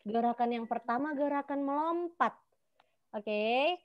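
A woman with a high voice leads a children's exercise class over a video call. She coaches like a gym instructor, giving short, encouraging commands and counting out each movement. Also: a little slow, smooth, highs cut off. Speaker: physical education teacher of young children, coaching like a gym coach.

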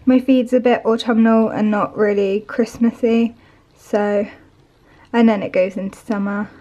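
High-voiced, excitable British teen girl. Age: teens. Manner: excitable, gushing, quick to squeal with delight. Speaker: vlogger. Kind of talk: casual vlog chat to camera. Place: at home, bedroom and desk.

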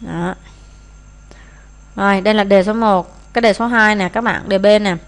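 A woman teacher talks a class through test answers, mixing in English phrases as she reads them out. She pauses often with hesitant fillers and keeps a plain, everyday voice of middle pitch. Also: steady tone. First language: Vietnamese. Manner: explains in Vietnamese, reads English phrases aloud. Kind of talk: exam answer walkthrough.

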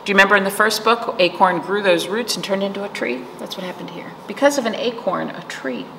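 This is a children's librarian, a middle-aged woman, hosting virtual storytime with rhymes and read-alouds, simply explaining and checking in with the young kids through questions. She talks fast at medium pitch, in a bright, forceful tone. She's seated in a small indoor library room, and the audio is echoey with background noise.

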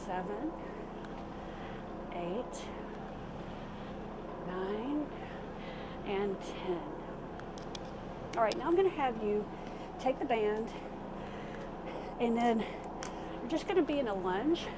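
Higher-voiced woman coaching a workout, noisy background. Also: animated, takes it slowly, pauses often. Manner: informal, instructing while exercising. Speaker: fitness instructor. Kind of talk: casual workout demonstration. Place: inside a small RV. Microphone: camera a few steps away. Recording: clearly noisy vehicle interior sound.

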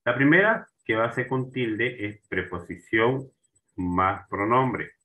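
A man's voice: mid-range voice, sharp tone, rough recording. A man teaching a grammar lesson, repeating terms and checking in with his students as he goes. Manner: slow and repetitive, restarting words and asking for agreement.

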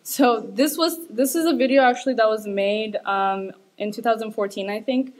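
A woman's voice: fairly high pitch, moderate pace. Young woman from Ethiopia presenting research. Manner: hesitant, many fillers, light laughs. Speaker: graduate student presenter. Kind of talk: academic presentation.

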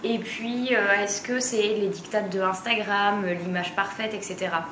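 A woman's voice: medium pitch, steady tone, moderate pace, fairly bright tone, slight background noise. A woman in her late twenties talking openly in a home sewing vlog, hesitant with many fillers. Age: 20s. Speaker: sewing vlogger. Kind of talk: candid personal vlog. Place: bright room at home with a dress form. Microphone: camera a few steps away. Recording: roomy, slightly distant, faint ambience.

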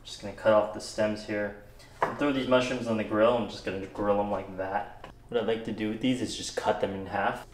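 A man's voice: fairly low pitch, fairly even intonation, a little fast, a little hiss or hum. A young man hosting a home cooking tutorial, upbeat and enthusiastic as he talks through each step in his kitchen. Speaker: cooking show host. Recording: roomy kitchen with background music.

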